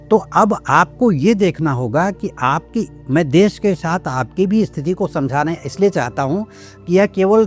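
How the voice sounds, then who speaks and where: A man's voice: on the high side, a little mellow. An older man, an astrologer, explaining in a lecturing way and listing his points one by one. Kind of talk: explanatory astrology talk to camera.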